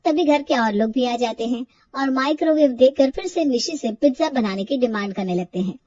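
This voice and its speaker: A woman narrating a storybook cartoon with lively, animated delivery. Her voice sits high, and the recording is dry, dull and slightly off-mic. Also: fairly quick, dry recording, recorded from a distance.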